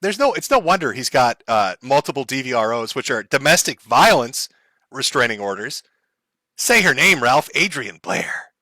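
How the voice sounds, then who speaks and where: A man's voice: mid-range voice, big pitch swings, normal speed, sharp tone, no echo. A man hosting a stream, telling a story in a profane, sarcastic way with frequent laughs and mock voices. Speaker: commentary streamer host. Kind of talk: mocking stream commentary.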